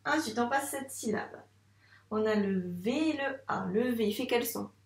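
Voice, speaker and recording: A woman's voice: on the high side, expressive, measured pace, recorded from a distance, slight background noise. A woman teacher, patiently sounding out letters and syllables in a reading lesson for young children. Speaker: first-grade teacher. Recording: echoey room.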